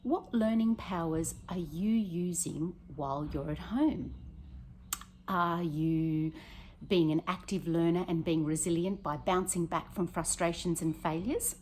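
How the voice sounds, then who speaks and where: Over slight background noise, a woman reads a picture book to children a little slowly, her voice lowish and slightly husky. She's a primary school teacher who reads with expression and draws her listeners in with questions.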